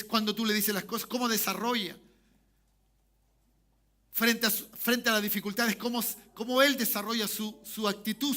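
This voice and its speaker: A man's voice: high-pitched, sharp tone. A man, a pastor preaching a sermon and often calling the congregation to say amen. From Chile. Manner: preaching, repeats calls for amen.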